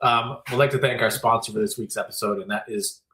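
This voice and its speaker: A man hosting a sports podcast, brisk as he moves the chat along. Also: on the low side, steady tone, sharp tone. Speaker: podcast host. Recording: roomy echo.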